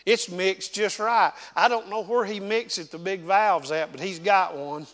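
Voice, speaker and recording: A man's voice: sits high, fairly bright tone, big-room sound. A man with an Appalachian hillbilly accent preaching a folksy, dynamic sermon in a church. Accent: Southern Appalachian. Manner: folksy, dynamic, drawn-out emphasis. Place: church sanctuary.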